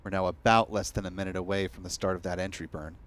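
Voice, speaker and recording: Low, even-toned male launch commentator. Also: fast talker. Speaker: live launch broadcast commentator. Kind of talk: measured live commentary.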